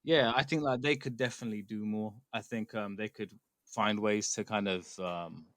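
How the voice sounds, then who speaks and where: Low-voiced rambling podcast guy. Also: fairly even intonation, moderate pace, a bit bright, no room sound. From United Kingdom. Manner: rambling, hedging with fillers. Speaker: podcast co-host. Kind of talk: casual chat.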